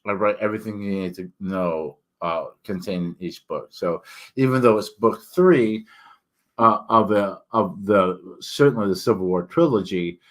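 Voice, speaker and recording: A man talking casually and haltingly to viewers as an author, his words thick from a swollen tongue and a sore mouth and throat. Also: on the low side, fairly bright tone. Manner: halting, rambling, self-interrupting. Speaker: author and book reviewer. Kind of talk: casual solo vlog talk.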